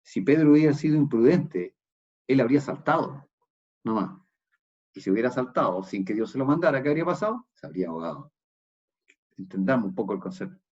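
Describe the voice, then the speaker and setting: A man's voice: medium pitch, sing-song, fairly quick, pauses often, darkish tone, slightly rough, dull audio. A man with a Chilean accent preaching a sermon as pastor of a church, explaining a passage and often checking in with his listeners. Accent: Chilean Spanish.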